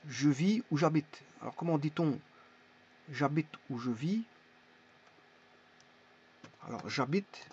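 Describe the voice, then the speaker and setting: Husky man teaching haltingly. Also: on the high side, darkish tone. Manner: halting, many fillers and restarts. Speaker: language teacher. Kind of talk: casual explanatory lesson. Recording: dull lo-fi recording.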